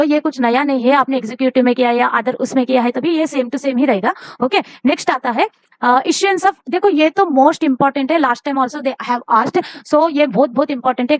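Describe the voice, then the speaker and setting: High-voiced woman tutor giving urgent exam tips. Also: no echo. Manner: urgent, repeats herself, mixes Hindi and English.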